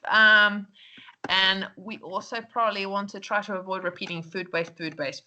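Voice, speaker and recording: A woman's voice: mid-range voice, sharp tone. Chatty woman teacher. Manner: chatty, lots of "um" and "okay?", laughs at herself. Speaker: English teacher. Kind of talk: recorded feedback lesson.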